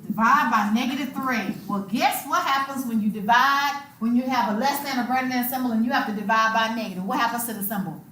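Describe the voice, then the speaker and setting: A woman's voice: a little high, quick pace, hardly any pauses, bright, forceful tone. A woman lecturing a college math class, talking in a colloquial, emphatic way and repeating her key points. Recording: echoey classroom, faint room noise.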